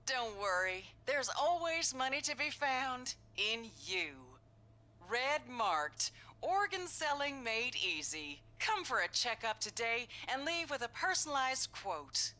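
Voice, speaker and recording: An actress playing a cheery, slick advertising announcer in a satirical commercial within a video game. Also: female voice, sits high, sing-song, takes it slowly, bright, forceful tone, heavily acted. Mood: salesy, upbeat.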